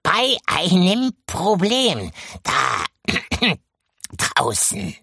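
A woman's voice: fairly low pitch, sing-song, very slow, vocal fry, bright, forceful tone, husky, no room sound, studio quality, full character voice. A woman voicing a sly, hesitant male rat father in an audiobook. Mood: conspiratorial.

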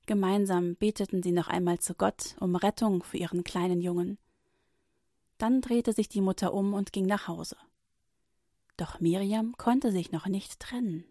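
A woman reading a Bible story for children, gently and expressively. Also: medium pitch, no echo, clean studio sound.

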